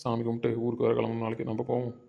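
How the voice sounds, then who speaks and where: Young man, very fast defensive denials. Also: mid-range voice, monotone, creaky, phone-quality sound, slight background noise. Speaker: actor in a short web drama. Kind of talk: melodramatic short-film acting.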